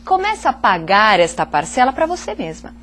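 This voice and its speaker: A woman's voice: fairly high pitch, huge pitch swings, fairly quick, fairly bright tone. Woman, finance guest; patient and explanatory, faint studio hum. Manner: patient, explanatory, many fillers. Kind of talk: advice on a TV talk show.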